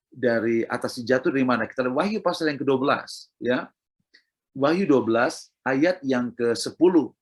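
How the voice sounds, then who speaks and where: A middle-aged man preaching a sermon, emphatic and repetitive, speaking straight to his listeners. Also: mid-range voice.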